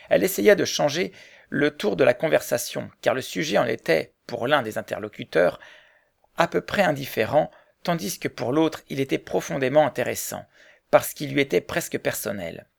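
A male audiobook narrator reads a novel in a calm, even way. His voice is strongly gravelly with a constant creak. His pitch sits in the middle of the male range. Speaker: audiobook reader. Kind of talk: scripted narration.

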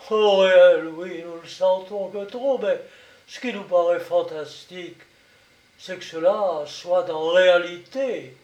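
A man's voice: high voice, slow pace, darkish tone. A man doing an outraged captive man. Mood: indignant. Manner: protesting, exasperated. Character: indignant male prisoner, outraged and protesting. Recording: roomy, distant, dull sound.

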